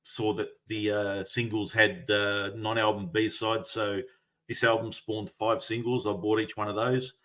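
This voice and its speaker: A middle-aged man chatting as a panellist and music fan, pausing hesitantly in the middle of phrases. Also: lowish voice, level tone, a bit bright. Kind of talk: casual chat.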